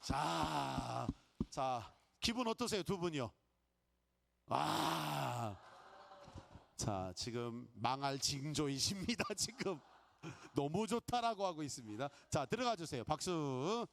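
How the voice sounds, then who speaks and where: Slow-paced and gravelly, with a fairly high pitch, a middle-aged male pastor brings real liveliness to his sermon. He dramatizes inner voices and Bible characters and leads his listeners in call-and-response.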